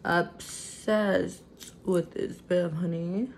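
A woman's voice: on the low side, fairly even intonation, drawn-out words, creaky, darkish tone, a little hiss or hum. A tipsy young woman, chatting casually through a makeup tutorial in a rambling, sassy way, swearing freely. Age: young adult. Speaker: beauty vlogger.

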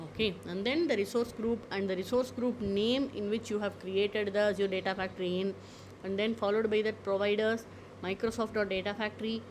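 A woman presenting a screen-recorded software tutorial, explaining step by step with frequent fillers and repeated "okay"s. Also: mid-range voice, slight background noise, poor audio.

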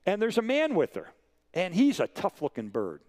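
A man in his late sixties delivers a sermon in a lively, swooping voice that sits a little high for a man. He tells his stories with drive and hammers points home by repeating phrases. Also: moderate pace. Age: 60s. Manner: animated storytelling with emphatic repetition. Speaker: guest preacher.

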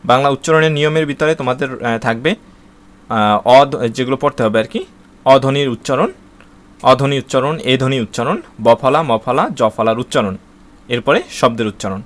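A man's voice: medium pitch, moderate pace. Man reading out a syllabus, filler-heavy. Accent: Bangladeshi Bengali. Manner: reads out lists steadily, with frequent "uh" fillers and restarts. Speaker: teacher explaining an exam syllabus. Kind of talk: spoken lesson to students.

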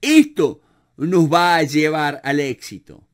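A man teaches negotiation to camera in a high, bright-sounding voice. He is animated, repeats words and leans on fillers as he explains. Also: slow pace. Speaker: negotiation instructor.

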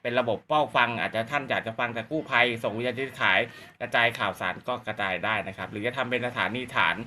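A man gives a casual, polite gadget demonstration as a channel host. He talks fast in a bright, forward voice and circles back over his explanations, with faint noise behind him. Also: medium pitch. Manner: polite, repetitive explanatory phrasing.

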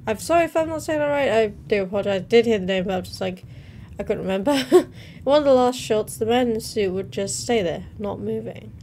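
A young adult reaction video host reads captions aloud and interjects casually between them. Her fairly high, expressive voice has a dark tone, and she talks fast with few pauses. She's indoors in a small room at home, with noticeable background noise.

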